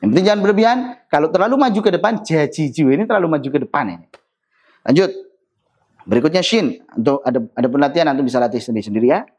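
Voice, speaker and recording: A man leads a pronunciation lesson, explaining each letter patiently and sounding it out for listeners to copy. His voice sits a bit high and is slightly husky. His pitch rises and falls lively as he explains. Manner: explains slowly, models Arabic letter sounds, checks understanding. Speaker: Quran recitation teacher. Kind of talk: online tajwid lesson.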